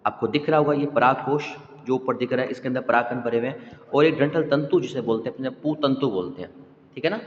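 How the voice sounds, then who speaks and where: A man teaching a biology revision class, asking students questions and answering them himself, with "है ना" after his points. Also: medium pitch. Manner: adds "है ना" and "ठीक है" after points. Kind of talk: online exam revision class. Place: echoing room. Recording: echoey, dull, long room reverb.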